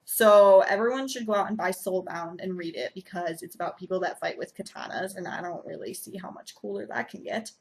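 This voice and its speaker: A young woman talking to her viewers about books she loves. She gushes with eager enthusiasm and fills her talk with plenty of ums and likes. Her voice sits at an ordinary middle pitch. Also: brisk, gravelly, few pauses, slight background noise. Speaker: book vlogger. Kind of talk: casual book chat to camera.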